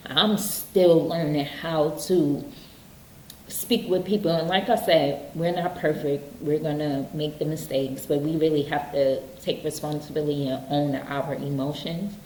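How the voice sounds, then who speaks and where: Slow, low-voiced woman giving life advice. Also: fairly even intonation, a little mellow, roomy sound, a little hiss or hum, poor audio. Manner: earnest, repeats points with "okay?". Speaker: self-help speaker. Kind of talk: casual motivational talk.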